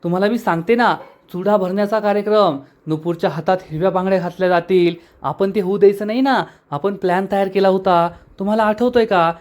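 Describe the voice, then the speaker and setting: A man voicing a brash, impatient young servant woman who complains in a whiny, hurried way. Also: high-pitched, a little mellow, lightly acted. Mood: irritated nagging.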